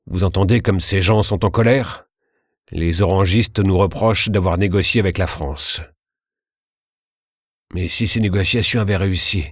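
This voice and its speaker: A man's voice: sits low, no room sound, clean studio sound. A man voicing an anxious male statesman who urges his injured brother to flee, in a worried, pleading way.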